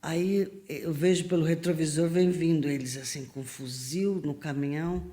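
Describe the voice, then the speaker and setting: A middle-aged woman from Brazil tells her stories as a podcast guest. She talks in a lively, animated way, acting out the voices of the people she quotes and often laughing. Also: deep voice, normal speed. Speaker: guest missionary. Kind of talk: lively storytelling in a podcast interview.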